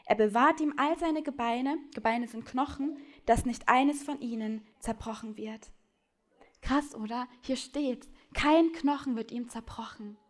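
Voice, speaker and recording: A woman preaching a sermon, speaking straight to her listeners and swinging between loud urgent appeals and hushed, intimate lines. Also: fairly high pitch, a little slow. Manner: addresses listeners directly with questions.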